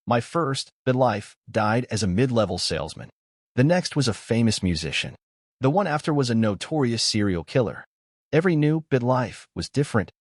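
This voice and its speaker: A man reading a scripted horror story aloud as narrator, with a lively, expressive delivery. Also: lowish voice, no echo, clean studio sound.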